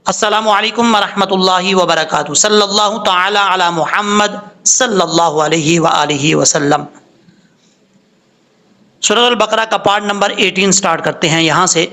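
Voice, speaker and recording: A man teaching Quran recitation, explaining slowly and spelling out letters with drawn-out chanted examples. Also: high-pitched, sharp tone. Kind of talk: recitation lesson.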